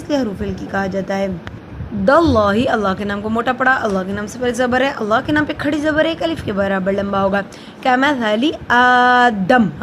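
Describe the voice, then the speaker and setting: A woman teaches tajweed, first reciting verses slowly and melodiously, then explaining how each letter is pronounced in a soft, steady voice. Her voice is slightly high, and there is some background noise.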